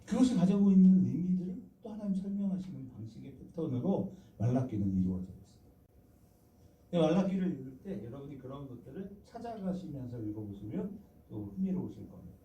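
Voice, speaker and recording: Pastor guy preaching, pretty lively pitch, keeps getting the church to answer back, roomy echo. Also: fairly quick, lo-fi sound, slight background noise. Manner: interactive, prompts the congregation to respond and read aloud together. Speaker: senior pastor. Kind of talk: sermon. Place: church sanctuary. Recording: echoey church hall, voice from far off the mic.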